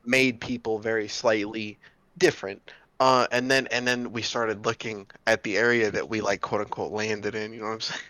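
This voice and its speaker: A man's voice: on the low side, flat delivery, normal speed, bright, forceful tone, no echo, low-quality recording. A man chatting casually, rambling with many fillers and restarts. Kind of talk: casual chat.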